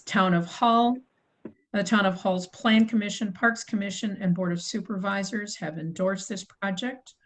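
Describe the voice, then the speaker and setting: A woman's voice: fairly low pitch, low-quality recording. A middle-aged woman chairing a city committee meeting over a video call, reading agenda items in a procedural way and correcting herself as she goes. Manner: procedural, apologetic, self-correcting.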